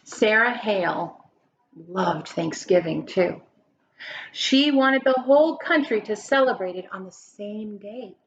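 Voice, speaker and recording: Slowly and with lively intonation, a woman of medium pitch reads a children's picture book aloud as a teacher might, adding dramatic emphasis and questions directed at her listeners. The high frequencies in the recording are cut off.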